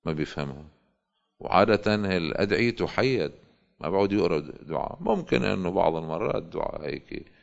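A man with a Levantine Arabic accent teaches as a cleric in a religious lesson, speaking in a very deep, smooth and resonant voice. He explains his points patiently and keeps posing rhetorical questions. The recording sounds dull and lo-fi.

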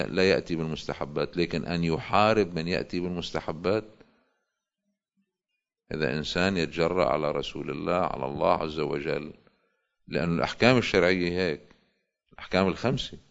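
A man's voice: sits low, fast, vocal fry, highs cut off. A male cleric with a Levantine Arabic accent, giving a religious lesson that explains points and poses rhetorical questions.

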